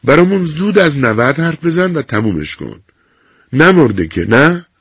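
Brief: impatient clinic nurse, as a man puts her on, high and loud, curt and firm, husky grain. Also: big pitch swings, dry recording, studio quality, full character voice. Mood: brisk.

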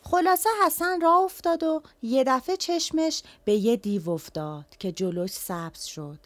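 A woman telling a folk tale in an animated, colloquial storyteller's voice. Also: high voice, dry recording.

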